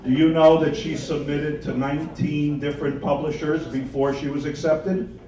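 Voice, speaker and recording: A man giving a lively talk at a publishing seminar, emphatic and folksy as he tells of his books and takes audience questions. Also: fairly high pitch, moderate pace. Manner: enthusiastic, emphatic, boastful-but-folksy. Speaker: author and seminar speaker. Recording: roomy echo, distant from the mic.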